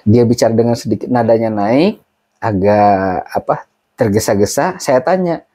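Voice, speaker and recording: A man's voice: fairly low pitch, moderate pace. A middle-aged man casually telling viewers about a phone call, acting out both sides of the conversation. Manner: animated retelling with quoted dialogue. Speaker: vlogger. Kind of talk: casual storytelling to camera.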